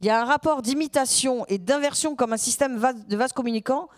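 A woman researcher speaking as a discussion guest, lively and acting out dialogue as she tells stories. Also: high voice, brisk, no echo, studio quality. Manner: lively storyteller who acts out dialogue. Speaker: university researcher.

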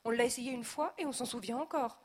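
A woman's voice: fairly high pitch, fast, voice pushed up, natural voice. A woman voicing an easygoing, good-humoured father. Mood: resigned. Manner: mild, gentle.

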